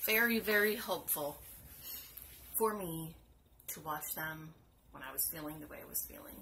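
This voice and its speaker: Woman vlogger, chatty and excitable, casual home talk, noisy background. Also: lowish voice. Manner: chatty, excitable, self-deprecating. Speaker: cross stitch vlogger. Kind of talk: casual chat to camera. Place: home room.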